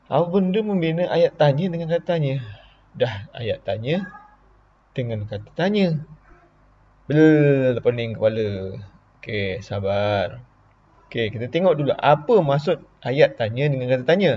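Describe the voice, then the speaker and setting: A man's voice: mid-range voice, lo-fi sound, slight background noise. A man with a Malaysian Malay accent, a primary school teacher giving an online lesson in a chatty way, explaining with repeated example questions.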